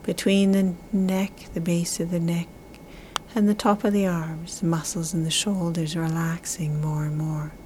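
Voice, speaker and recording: Soft half-whispering woman guiding relaxation, low-pitched. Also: little pitch movement, background noise. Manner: slow, drawn-out phrasing with repetition. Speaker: relaxation guide. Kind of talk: guided relaxation meditation.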